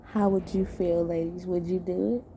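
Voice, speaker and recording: A woman's voice: lowish voice, flat delivery, moderate pace, warm tone. A woman vlogger talking to her viewers, throwing one rhetorical question after another at them. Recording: noisy background.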